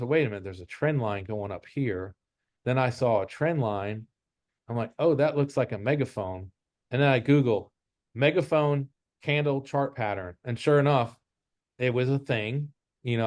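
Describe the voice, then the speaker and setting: Step by step and restating his rules, a man leads an informal chart-based lesson as a trading instructor. His voice is medium in pitch and a little mellow, delivered at a moderate pace with no room sound.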